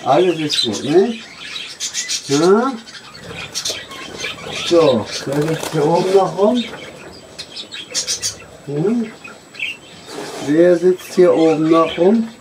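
Slow, low-voiced woman cooing to birds. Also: lively intonation. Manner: cooing, soothing, repeats short questions. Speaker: bird keeper. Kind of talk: coaxing talk to pet budgies. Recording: noisy, birds chirping close by. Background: chirping and squawking budgies.

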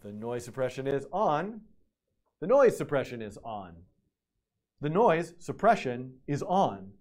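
A man's voice: mid-range voice, big pitch swings, a little slow, a little mellow. A man hosting a live stream, repeating a test phrase while his mic's noise suppression is switched on, which leaves artifacts on his voice. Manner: repetitive, testing aloud. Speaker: livestream host. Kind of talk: casual live-stream chat. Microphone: computer mic with noise suppression.

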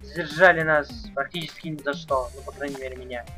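High-pitched man improvising a game skit. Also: steady tone, fast talker, pushed and bright, faint music behind. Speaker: amateur video creator acting out a game skit.

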